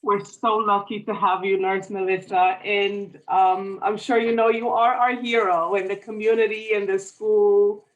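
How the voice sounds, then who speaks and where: A board member who is also a parent, giving a sincere, unhurried tribute with many fillers over a video call. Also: medium pitch, flat delivery, lo-fi sound.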